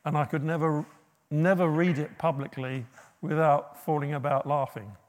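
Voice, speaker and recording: Man, middle-aged preacher, sermon, slightly high voice, humorous asides. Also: steady tone, normal speed. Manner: humorous, asks the listeners questions.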